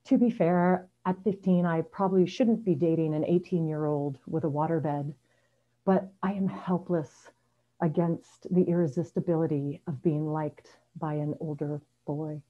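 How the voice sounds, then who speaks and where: A middle-aged woman reads a personal story aloud over a video call as an amateur story slam teller, wry and self-deprecating. Her voice sits low with fairly even intonation and a measured pace, and the lo-fi call audio sounds dull.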